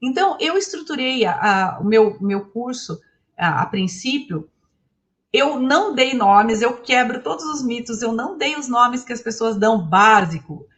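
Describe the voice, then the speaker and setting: A woman from Brazil whose first language is Portuguese, giving a lively talk as an English teacher and asking her audience questions. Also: a little high, unhurried. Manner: animated, asks the audience questions.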